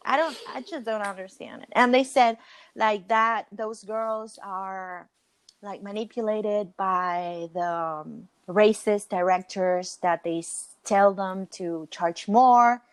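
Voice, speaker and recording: Slow-talking frank woman guest. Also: medium pitch. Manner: unhurried, frank, laughs often. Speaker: interview guest. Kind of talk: casual interview chat. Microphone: podcast mic.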